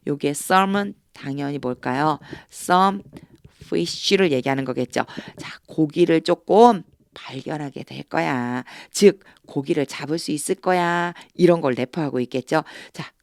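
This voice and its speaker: Slow, emphatic English-lesson teacher. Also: mid-range voice, no room sound, clean studio sound. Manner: reads English lines slowly, then explains in Korean; drawn-out, emphatic example phrasing. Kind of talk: language lesson on a Bible passage.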